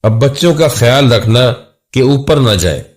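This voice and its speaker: A man's voice: mid-range voice, lively intonation, unhurried, close to an everyday voice. A man voicing an impatient, dismissive husband in a horror story reading. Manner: brushing off, impatient.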